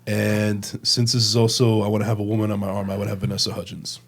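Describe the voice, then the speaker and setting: A man, talking casually as a guest in an interview, relaxed and thoughtful, with frequent fillers. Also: on the low side, quick pace, slightly rough. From New Jersey.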